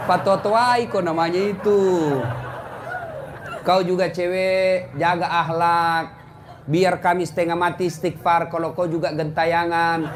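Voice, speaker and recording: A man's voice: high voice, noisy background. A middle-aged man preaching a humorous sermon, telling jokes and acting out quarrels. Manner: joking storyteller, acts out quarrels and drawn-out sung prayers.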